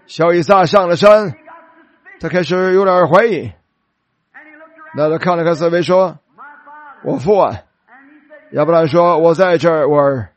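A man preaching a sermon, telling a story dramatically and slowing down for emphasis. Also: a little high.

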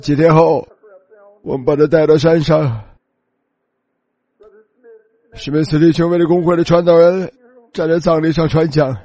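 A man's voice: a little high, little pitch movement, brisk, mellow, muffled recording. A man preaching and telling a personal testimony in an emotional, pleading, tearful way.

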